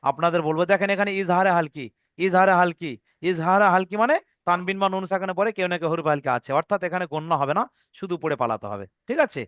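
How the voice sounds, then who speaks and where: A man's voice: high-pitched, fast talker, a bit bright, dry recording. A man teaching Quran recitation rules in an online lesson, patiently repeating each rule and checking that his students follow.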